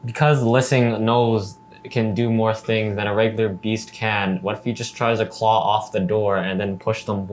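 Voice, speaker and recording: A man's voice: fairly low pitch, little pitch movement, moderate pace, slight background noise, rough recording. A man playing a tabletop game, joking and chiming in with the others. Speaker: player. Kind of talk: casual tabletop game chat.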